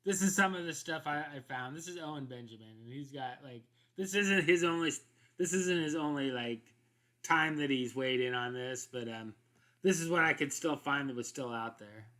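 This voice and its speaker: A man's voice: medium pitch, normal speed, fairly bright tone. A man hosting a commentary show, talking casually and rambling, with many restarts and fillers. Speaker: commentary host.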